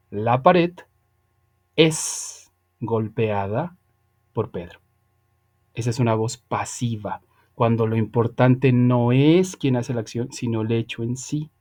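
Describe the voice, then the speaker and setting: A man teaching English over a video call, his voice mellow and relaxed. He explains patiently and keeps checking in with his students with a quick "ok?". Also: mid-range voice. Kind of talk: online class lecture.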